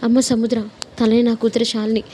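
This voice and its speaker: A woman voicing an older, stern father who shouts harsh rebukes in a read-aloud story. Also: fairly high pitch, flat delivery, a little fast, a little hiss or hum, lightly acted. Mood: gentle.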